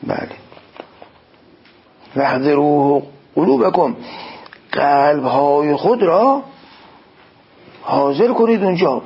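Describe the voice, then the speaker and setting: A man's voice: a little high, vocal fry, husky, dull audio. A man preaching a sermon, quoting Arabic phrases and explaining them in an exhorting tone. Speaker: cleric.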